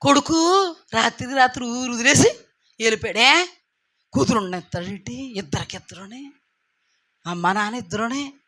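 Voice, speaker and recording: High, bright woman preaching. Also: normal speed, long pauses. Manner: emphatic, rising to loud exclaims and dropping to quiet asides. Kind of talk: sermon.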